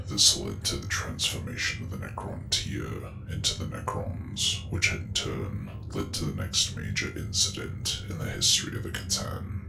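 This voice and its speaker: Guy doing a gruff space marine whispered role-play, slow grave lore reading, gravelly, big echo with music behind. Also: exaggerated voice. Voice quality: gravelly, breathy low voice. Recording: roomy echo under music.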